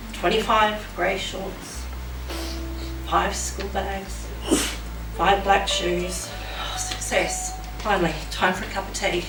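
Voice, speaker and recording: A middle-aged woman performing a dramatic spoken monologue on stage as a mother telling her story. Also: mid-range voice. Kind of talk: staged spoken-word monologue over music. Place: large hall at a live show. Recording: echoey hall, distant mic, music behind.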